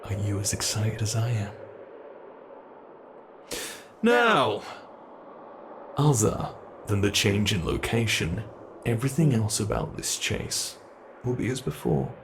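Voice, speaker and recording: In an ASMR horror roleplay, a British man voices a predatory under-the-bed monster, drawling each taunt slowly in a fairly low, fry-roughened voice with big pitch swings. Gleeful and predatory, he toys playfully with his prey and drops to whispers, while faint noise hums beneath the recording.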